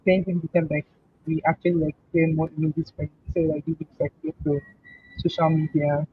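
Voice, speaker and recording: A woman's voice: sits low, little pitch movement, moderate pace. A woman on a work video call, explaining her web design in a hesitant way with many "like" fillers; her voice sounds muffled, as if heard through a wall. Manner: hesitant, heavy use of "like" fillers. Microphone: headphone mic on a video call. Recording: muffled lo-fi headset mic with faint noise.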